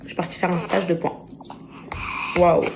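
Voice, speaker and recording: A woman's voice: on the low side, flat delivery, normal speed, creaky, noisy background. A tired young woman in casual vlog chat, venting and exasperated, often repeating herself. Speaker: vlogger. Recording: household clatter behind.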